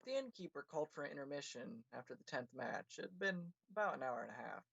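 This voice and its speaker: Brief: a male streamer narrating his own writing, with a gravelly voice and a dry, close sound. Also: fairly high pitch, very animated, quick pace, a bit bright, no echo, muffled recording. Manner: casual, with self-corrections and laughs. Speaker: livestream host and writer. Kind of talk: reading his own story aloud.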